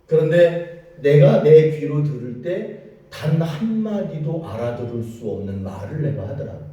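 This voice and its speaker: A man's voice: fairly high pitch, a little slow, lo-fi sound. Man preaching, echoey and distant. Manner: storytelling, animated, with laughing asides. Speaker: pastor. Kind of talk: sermon. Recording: echoey church from afar.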